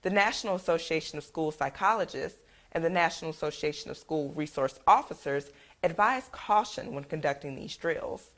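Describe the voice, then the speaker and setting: Female news anchor, lowish voice, steady read-out delivery. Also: normal speed.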